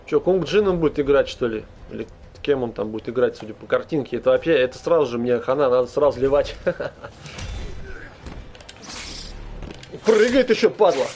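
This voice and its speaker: A man giving casual live game commentary to his viewers, excitable and complaining, with plenty of swearing. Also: mid-range voice, moderate pace, pauses often, slight background noise. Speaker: game streamer.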